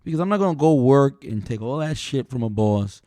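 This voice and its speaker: A middle-aged man co-hosting a podcast, chatting casually and with opinions, laughing often and thinking out loud with restarts. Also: mid-range voice, animated, fairly quick, dry recording. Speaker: podcast co-host.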